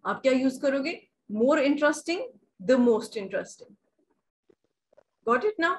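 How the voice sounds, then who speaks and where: A woman teaching grammar in an online class, patiently repeating examples and asking if things are clear. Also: sits high, lively intonation, a little hiss or hum, rough recording. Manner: patient, repeats examples slowly, asks checking questions. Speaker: English teacher. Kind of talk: online class, bilingual explanation.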